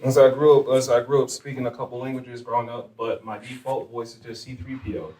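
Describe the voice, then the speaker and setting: Speaking at a quick pace in a medium voice with little pitch movement, a young man does a stand-up set on a live club stage, loose and chatty with frequent asides. The roomy venue sound puts the mic at a distance, with crowd laughter and heavy background noise.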